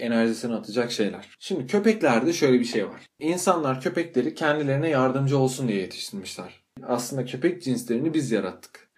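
A young man hosting a casual talk show, ranting in an animated, exasperated way and swearing freely. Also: medium pitch. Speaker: podcast host. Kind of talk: casual monologue.

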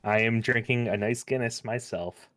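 A man's voice: medium pitch, moderate pace, fairly bright tone. An American man co-hosting a casual podcast chat over drinks, talking in a loose, sweary way. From United States.

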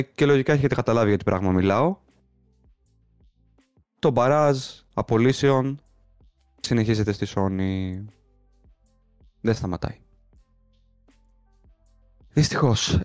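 A man's voice: medium pitch, darkish tone, no echo, clean studio sound. Greek podcast host, man, over music. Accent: Greek, from Greece. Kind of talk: casual chat.

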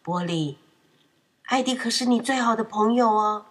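A woman's voice: on the high side, moderate pace, breathy edge. A woman doing a kindly storybook mother. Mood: motherly.

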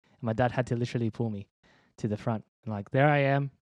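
Young man, slangy casual testimony, halting with ums, dry recording. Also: medium pitch, a little mellow, no echo. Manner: laid-back and slangy, calls the listener dude and man; halting, many ums and restarts. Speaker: interview guest, church leader. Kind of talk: personal faith testimony in casual chat.

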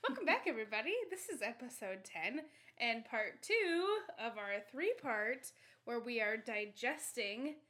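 A woman's voice: fairly high pitch, expressive, measured pace, pushed and bright. A woman co-hosting a podcast in casual, giggly chat, with lots of fillers. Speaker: podcast co-host.

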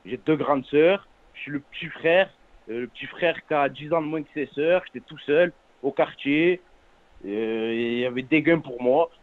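A man in his twenties with a French suburban accent calls in by phone, chatting in street slang in an earnest, halting way, repeating oaths and words. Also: fairly high pitch, no room sound. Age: 20s. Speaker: phone-in caller. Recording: narrow, tinny phone-line sound.

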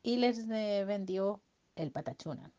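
A woman's voice: mid-range voice, animated, unhurried, dark tone, highs cut off. A woman making up a bedtime story for a child, playful, with sung bits and sound effects. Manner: playful, sings silly songs and sound effects.

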